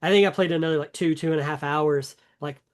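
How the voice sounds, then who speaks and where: Rambling enthusiastic man, fairly high voice. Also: fairly even intonation, fast, a crowd in the background. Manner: rambling, enthusiastic, many fillers and restarts. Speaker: podcast co-host. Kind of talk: casual gaming podcast chat.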